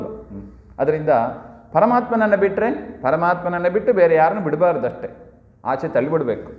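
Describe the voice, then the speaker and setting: A man giving a devotional discourse, often asking his listeners questions and answering them himself, and now and then chanting Sanskrit verse. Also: on the high side. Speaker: religious discourse speaker. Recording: echoey hall, dull lo-fi sound.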